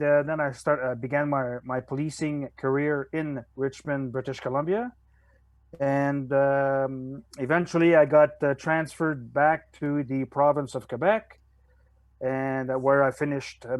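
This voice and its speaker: An older man from Montreal, a retired police officer, speaking as a guest on a podcast with many pauses and fillers. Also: medium pitch, little pitch movement, dry recording, muffled recording. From Montreal, Canada. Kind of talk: podcast interview.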